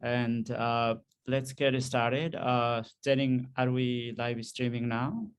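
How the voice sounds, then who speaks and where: A man from Nepal hosting an online conference session, speaking with many pauses and fillers over a video call. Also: medium pitch, little pitch movement, clean tone. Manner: hesitant, many ums and uhs. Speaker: session host.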